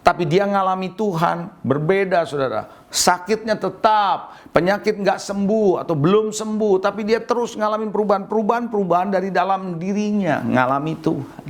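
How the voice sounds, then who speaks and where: A middle-aged man from Indonesia preaching a lively sermon, calling out to the congregation for responses and acting out quotes. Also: high voice, normal speed. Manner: lively preaching with audience call-outs and acted quotes. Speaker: pastor.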